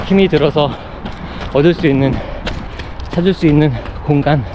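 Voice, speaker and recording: A man's voice: fairly high pitch, normal speed. A man speaking in short phrases while running, in a reflective, casual vlog monologue. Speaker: running vlogger. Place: outdoors on city running paths. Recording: clear outdoor urban noise, passing traffic.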